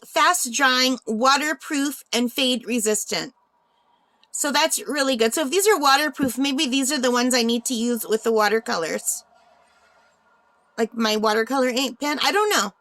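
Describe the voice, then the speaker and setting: This craft vlog host chats casually during an unboxing and thinks aloud, her voice weary because she's slightly ill. She speaks at a moderate pace in a high-pitched, somewhat bright voice, with no room sound.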